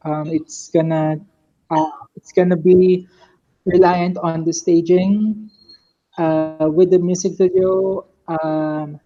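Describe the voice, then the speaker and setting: A woman's voice: on the low side, highs cut off. A woman with a Filipino accent hosting a casual panel chat, steadily leading the talk and hedging her opinions. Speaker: podcast host and moderator.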